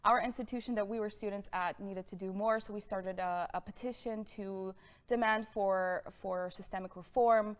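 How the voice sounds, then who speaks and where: A young woman in her twenties from Bulgaria presenting a lecture, friendly, with many fillers and quick bursts. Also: medium pitch, fairly even intonation. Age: 20s. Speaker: guest lecturer. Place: studio room with pink sofa.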